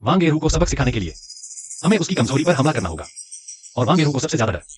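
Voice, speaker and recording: A man's voice: mid-range voice, very animated, racing, husky. A man voicing a shrewd young man who stands up to a bully and plans his revenge in a dubbed drama. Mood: scheming. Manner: defiant, determined.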